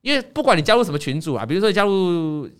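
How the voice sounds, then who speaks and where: A man's voice: rapid-fire, clean tone. A man hosting a casual chat show, telling stories animatedly and acting out the people in them. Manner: animated, acts out quoted people with big pitch jumps. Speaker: podcast host.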